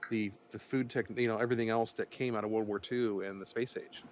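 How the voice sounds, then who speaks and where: A man's voice: lowish voice, steady tone, fast, slight background noise. Rambling laughing man on a podcast stream. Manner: rambling, laughs often, restarts sentences. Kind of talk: casual group chat on a stream.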